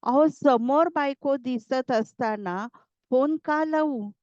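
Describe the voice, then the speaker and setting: A woman's voice: sits high, slow, darkish tone, no room sound, dull audio, voice pushed up. A woman doing a stubborn, protesting young husband. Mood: insistent. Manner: insistent, protesting.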